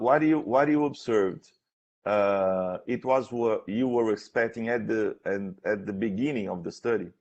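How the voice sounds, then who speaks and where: Halting, creaky-voiced man, slow academic questioner. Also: on the low side, a little mellow. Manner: halting, hesitant, repeats words while searching for phrasing. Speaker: thesis defense examiner. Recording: dull, lo-fi sound.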